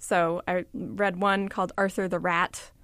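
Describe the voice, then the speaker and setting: A woman's voice: lowish voice, level tone, a little slow, fairly bright tone, smooth, no echo. A woman reporter on a radio show, explaining her story in an enthusiastic, conversational way.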